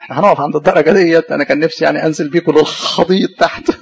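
A man's voice: on the high side, fairly even intonation, very fast, creaky, a little hiss or hum. A man with an Egyptian Arabic accent preaching a sermon. He keeps asking the congregation questions and then answers them himself. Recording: dull lo-fi recording.

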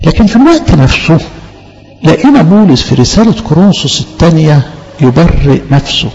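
Impassioned Egyptian preacher, gravelly voice. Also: male voice, fairly high pitch, very animated, brisk, a little mellow, long reverb tail, lo-fi sound, faint music behind. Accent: Egyptian Arabic. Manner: impassioned, rhetorical questions, voices the speakers he quotes. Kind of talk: sermon.

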